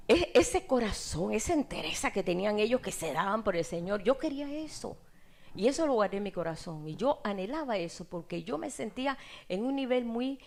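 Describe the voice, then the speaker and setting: A middle-aged Cuban woman preaching, telling a personal testimony in a lively storytelling way that climbs into emotional peaks. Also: medium pitch, vocal fry. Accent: Cuban Spanish. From Cuba. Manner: animated storytelling, laughs often, voice rises in emotional peaks. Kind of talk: sermon testimony.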